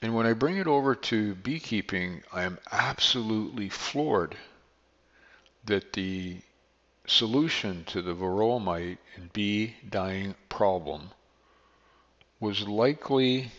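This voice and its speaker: A middle-aged or older man hosting a podcast alone, talking casually and earnestly in a halting way. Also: lowish voice, expressive, fairly bright tone. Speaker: podcast host, beekeeper. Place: echoey makeshift indoor studio. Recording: echoey hall-like studio, dull sound.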